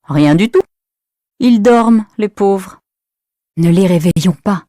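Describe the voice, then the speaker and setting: A woman's voice: mid-range voice, slow pace, mellow, dry recording, studio quality. A woman narrating a story for language learners, reading carefully and expressively.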